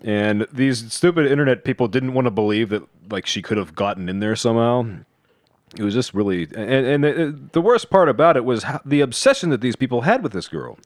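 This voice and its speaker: A man's voice: medium pitch, expressive, brisk, no room sound, clean studio sound. A man co-hosting a podcast, telling a story in casual chat with many restarts. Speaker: podcast co-host.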